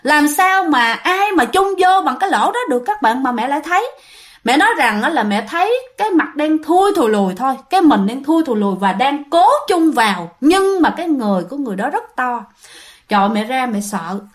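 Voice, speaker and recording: Southern vietnamese woman telling a ghost story, high voice, very animated, keeps talking to her listeners. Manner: animated, often addresses listeners directly.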